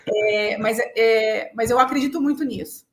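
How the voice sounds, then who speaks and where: Here the Brazilian executive, in her forties, speaks slowly in a slightly high voice as an interview guest reflecting personally. She's frank and self-assured, punctuating with brief tags. There's slight background noise, and the sound is roomy and echoing.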